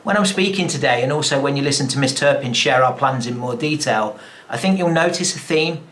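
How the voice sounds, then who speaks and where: Measured male school principal. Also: medium pitch, fairly bright tone, slight background noise. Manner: measured, with small repetitions. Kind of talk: prepared address to parents.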